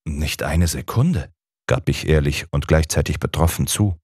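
A male narrator reads an audiobook in the first person with steady, measured storytelling. His voice sits extremely low. The recording is dry and close, with no room around it. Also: slightly rough, no room sound.

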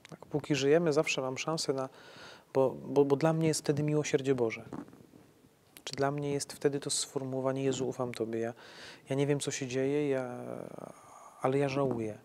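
A man's voice: mid-range voice, little pitch movement, a little mellow, a little hiss or hum. A man, a priest, answering questions on faith in a conversational way, restarting his sentences and often ending them with a tag question. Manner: conversational, halting restarts, frequent tag "nie?".

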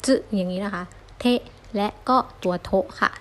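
A woman's voice: mid-range voice, level tone, moderate pace, a bit bright. A young woman giving a friendly online lesson, patiently sounding out syllables one at a time for learners. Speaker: Japanese language teacher.

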